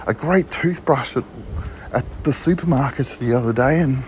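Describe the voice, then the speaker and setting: A man's voice: medium pitch, normal speed, a little hiss or hum, close to an everyday voice. A man voicing a frazzled, chatty older Australian mother who stammers and fusses, spoken into a phone. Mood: doting. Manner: stammering, restarts, fussy repetition.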